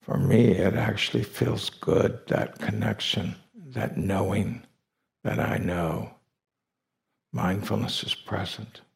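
In a slow, deliberate guided meditation, a male teacher speaks in brief phrases with long silences in between. His voice is on the low side, gravelly and steady in tone.

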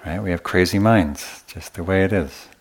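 At a retreat, a meditation teacher with a deep, husky voice leads a guided talk, speaking gently and slowly with frequent pauses between short phrases.

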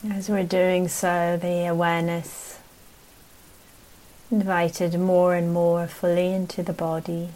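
A meditation teacher with a low voice leads a guided meditation at a very slow pace. She is gentle and unhurried and leaves long pauses between short phrases. Her delivery is flat, and the audio quality is poor.

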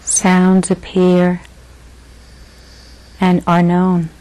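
A meditation teacher leads a guided meditation in a slow, gentle, fairly low voice with a completely flat delivery. She speaks short phrases separated by long, unhurried pauses, and the audio quality is poor.

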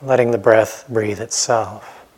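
Speaking gently and without hurry, a man guides a meditation, pausing at length between phrases. His voice is lowish and steady, though the recording quality is poor.

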